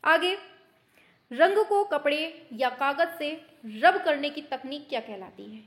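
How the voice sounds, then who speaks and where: A woman teacher running a quick quiz lesson, brisk and teasing, scolding her students in mock anger as if they were children. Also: high-pitched, animated, a bit bright. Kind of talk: online exam-prep quiz lesson.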